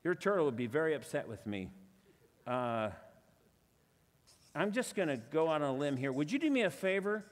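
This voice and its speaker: A man running a stage illusion act, talking to a volunteer in a relaxed, self-mocking way. His voice sits a bit high, and it rings with the long reverb of a church hall. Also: moderate pace, long pauses. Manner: chatty, self-deprecating, playful asides. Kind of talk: live magic show patter with audience volunteer. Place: church hall before a live audience.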